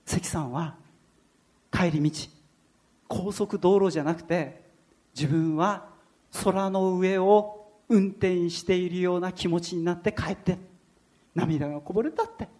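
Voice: medium pitch, a little slow, pauses often. A preacher delivering a sermon, animatedly telling a story and then drawing out its lesson. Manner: animated storyteller, shifts between narration and quoted voices.

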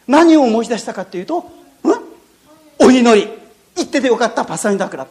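A woman telling a Bible-lesson story to children, lively and full of sound effects, speaking to her listeners. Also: on the high side, a little fast.

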